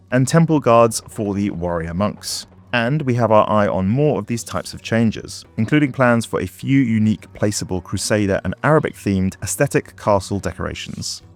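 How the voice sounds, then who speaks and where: A man presenting as a game developer in scripted promotional narration, with wry, playful asides. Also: on the low side. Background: background music.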